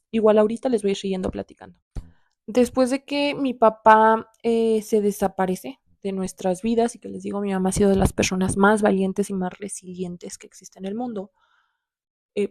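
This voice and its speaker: A woman's voice: medium pitch, darkish tone, dry recording, studio quality. A young woman with a Mexican accent tells a personal story to her viewers, heartfelt and calling out to them as friends. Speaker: vlogger.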